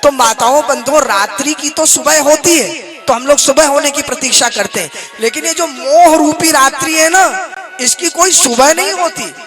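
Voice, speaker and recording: A man preaching a devotional sermon to a live audience, shifting from talk into slow, melodic chanting of Sanskrit verses and asking the listeners questions. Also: extremely high pitch, music in the background. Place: hall with a seated audience.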